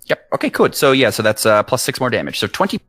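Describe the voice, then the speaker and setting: A man acting as game master, calmly explaining rules and narrating a tabletop fight in an easygoing way. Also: medium pitch, fast talker, no room sound. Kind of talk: running a tabletop game online.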